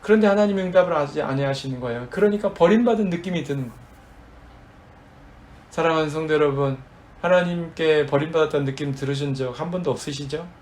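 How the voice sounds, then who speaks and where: A man's voice: a little high, fast, a little mellow. A man preaching a sermon as pastor, addressing the congregation and acting out dramatic quoted prayers.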